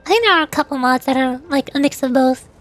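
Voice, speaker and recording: A woman livestreamer with a high voice talks fast as she chats casually and reads out chat messages. She sounds a little hesitant and corrects herself along the way.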